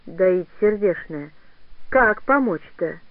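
A man's voice: sits high, animated, slow, dry recording, exaggerated voice. A frail old village grandmother scolds and sighs in homely, folksy speech, as a male narrator does her. The sound is thin and phone-like, dry and close to the mic. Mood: gruff scolding. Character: frail old village woman, gruff but kindly.

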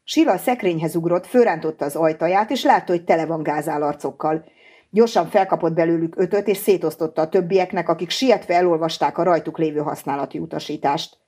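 A woman narrating a translated thriller as an audiobook, in a steady, measured way. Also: sits low, breathy edge. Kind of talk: scripted narration.

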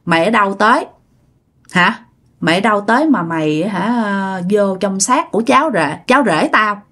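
A folksy older uncle, a village exorcist, speaks low, gruff and blunt in a Southern Vietnamese accent, as a woman storyteller puts him on. He addresses people plainly and with authority in this spoken ghost story. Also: expressive, normal speed, a bit bright. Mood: stern.

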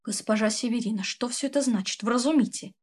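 A woman's voice: on the high side, fairly quick, darkish tone, natural voice. A woman voicing a stern male headmaster in a storybook reading. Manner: stern, commanding.

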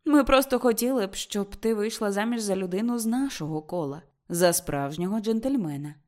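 A woman's voice: medium pitch, animated, fairly quick, darkish tone, pitched above the performer's own voice, natural voice. Woman reader doing a middle-aged mother, firm, cool, disapproving; audiobook.

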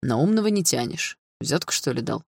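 A man's voice: medium pitch, sing-song, a little fast, vocal fry, dry recording, studio quality. A man as a stern, sneering father. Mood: scornful. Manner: curt, sneering questions. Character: stern disapproving father, middle-aged.

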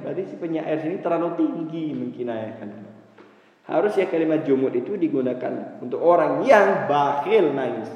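A man teaching a casual religious lecture, lively and joking, his voice jumping up on questions. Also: mid-range voice, lo-fi sound. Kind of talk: casual classroom lecture on Arabic rhetoric. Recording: very echoey hall.

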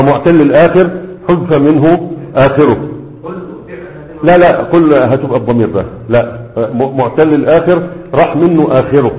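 A man with an Egyptian Arabic accent teaching a grammar lesson. He slows down to recite examples and keeps checking that the class follows him. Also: medium pitch. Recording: roomy hall echo, dull lo-fi sound.

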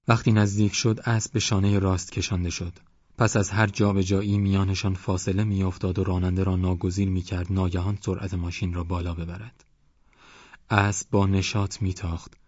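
A male audiobook narrator with a low, husky voice reads in a steady, even storytelling manner. The recording is dry and close, with a dull, lo-fi sound. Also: no echo.

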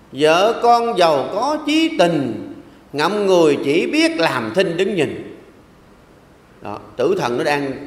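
An older man, a Buddhist monk, preaches to his congregation in a fairly high, animated voice, often checking in with the listeners. He drops from raised calls to soft, low asides. The sound is roomy with a long hall reverb, and he drifts away from the mic at times. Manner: conversational, repeats "Đúng không?" to the audience. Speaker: Buddhist monk giving a dharma talk. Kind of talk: sermon to a live congregation.

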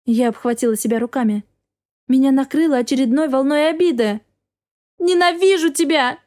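A woman's voice: high-pitched, a little fast, warm tone. A woman narrating a first-person story as an audiobook reader, with an intense, dramatic delivery.

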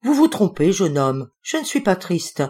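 A woman's voice: lowish voice, big pitch swings, measured pace, dark tone, slightly rough, exaggerated voice. A woman reading the part of an older dog owner who is grieving, prim and scolding, then tearful as she confides. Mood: tearful confiding. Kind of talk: audiobook character reading.

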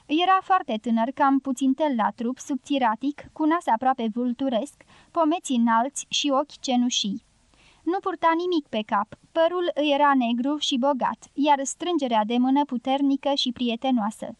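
A woman narrating an audiobook novel with steady, even scripted reading on a close studio mic. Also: high-pitched, no room sound.

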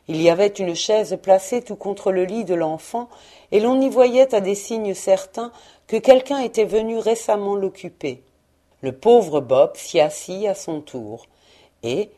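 A woman narrating a classic storybook as an audiobook, in a calm and measured way. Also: medium pitch. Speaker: audiobook reader.

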